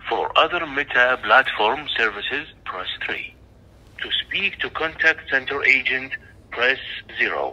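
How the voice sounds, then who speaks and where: A man's voice in a recorded phone menu message, giving formal, measured prompts over a phone line. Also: medium pitch, expressive, sharp tone. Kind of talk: scripted phone system prompts.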